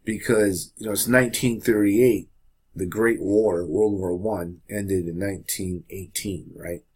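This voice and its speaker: A man teaching a high school history lesson in a casual, chatty way, often checking in with the class. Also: steady tone, unhurried, a little mellow, husky. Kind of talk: classroom lecture.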